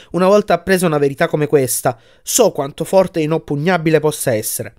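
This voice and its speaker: A man voicing a sorrowful young woman in an audiobook, speaking softly and quietly as she lets her lover go. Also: fairly high pitch, lightly acted. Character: young woman, sad, gently firm.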